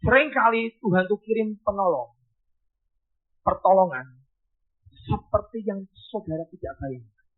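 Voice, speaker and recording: A man preaching a sermon as pastor, telling a story with shouted bursts and hushed drops. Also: high voice, unhurried, long pauses, breathy edge. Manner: animated, shouting bursts then dropping to hushed. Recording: tinny phone-like sound.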